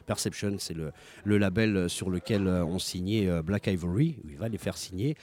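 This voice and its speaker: A man's voice: low voice, normal speed, darkish tone. A man hosting a live music radio show, talking casually with many hesitations and restarts. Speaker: radio host.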